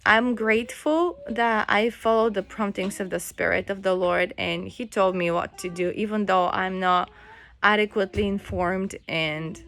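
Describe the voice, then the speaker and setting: A young mother with a first language other than English, telling a story at home in a casual vlog, halting, with fillers and restarts. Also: medium pitch, a bit bright. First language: not English. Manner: chatty, halting, with many fillers and restarts, breaks off to coo at her baby. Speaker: mother and vlogger.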